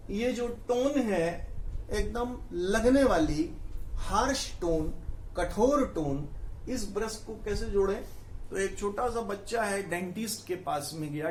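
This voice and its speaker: High-voiced teacher in echoey room. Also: male voice, a little hiss or hum. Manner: explains patiently, repeats key words, mixes English terms into Hindi. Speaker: vocabulary teacher. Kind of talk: Hindi vocabulary lesson with memory tricks.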